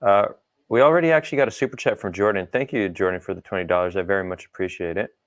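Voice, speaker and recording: A man hosting and moderating an online roundtable over a video call, brisk and upbeat with a few fillers. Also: fairly low pitch. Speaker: host.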